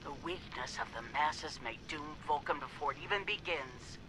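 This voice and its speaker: In a video game audio log, an actress with a deep, natural female voice plays an arrogant, ruthless, zealous scientist. She sounds contemptuous and enunciates in a deliberate, theatrical way.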